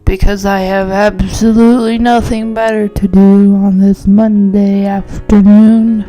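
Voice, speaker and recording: A woman's voice: medium pitch, flat delivery, a little slow, dark tone, faint music behind. A young woman doing a scripted comedic vlog monologue at home into a close mic, in a mock commercial-style voice. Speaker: YouTuber. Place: home, indoors.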